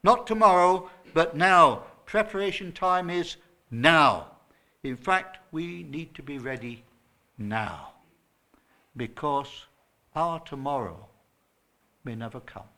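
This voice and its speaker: A man preaching a sermon to a small church congregation, earnest and emphatic, rising to loud stresses. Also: mid-range voice, animated, slow, long pauses. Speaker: pastor.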